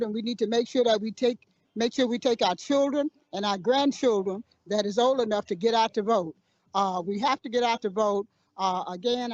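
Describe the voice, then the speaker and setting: An elderly woman from Florida gives an earnest, repetitive statement to a street camera. Her voice sits high, and the recording is dry and dull. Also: darkish tone, dry recording. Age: 80s. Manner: earnest, repeats herself. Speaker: community elder. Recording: dull lo-fi sound.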